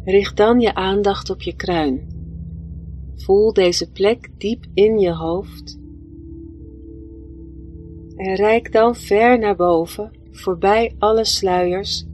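A woman leading a guided meditation in a soft, soothing, gentle voice, leaving long pauses between phrases. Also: mid-range voice. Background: music.

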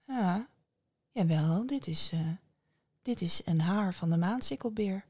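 A woman voicing a wise old witch who talks softly and matter-of-factly in a storybook tale. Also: medium pitch, lively intonation, no echo. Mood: calm. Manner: soft, unhurried, matter-of-fact. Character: wise old female witch, calm, knowing.

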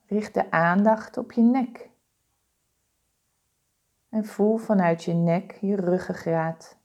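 A woman leading a guided body-scan meditation, giving calm, soothing, deliberate instructions with pauses. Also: medium pitch.

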